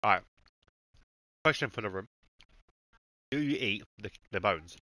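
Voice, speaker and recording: A man's voice: lowish voice, animated, a little slow, sharp tone, dry recording, low-quality recording. A man streaming a racing game, chatting casually and swearing freely while he eats. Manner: laid-back, swears freely, talks to his dog and chat.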